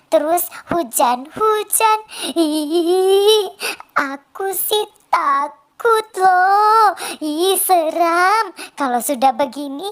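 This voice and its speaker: A woman's voice: high voice, a bit bright, heavily acted. A woman voicing a small, timid little girl in a children's church story play, speaking in a childlike, earnest way.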